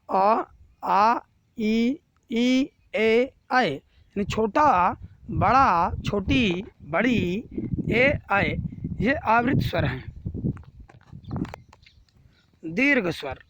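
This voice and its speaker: Teaching grammar to children, this male Hindi teacher restates every rule before asking himself questions and supplying the answers. His voice is high and a bit bright.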